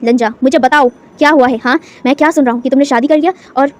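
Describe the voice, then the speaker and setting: A woman plays a shrill, possessive young fiancée who stammers and repeats herself as she shrieks, pitched up high. The lines are rushed and loud, told as part of a spoken fan-fiction story. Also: natural voice. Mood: shrieking, jealous. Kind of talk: storytelling with acted dialogue.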